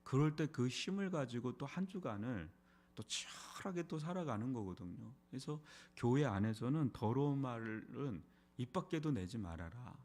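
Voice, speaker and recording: A man's voice: mid-range voice, expressive, moderate pace, darkish tone. A middle-aged man, a pastor, preaching an early morning sermon in a church in a conversational way, with frequent rhetorical questions. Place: church sanctuary.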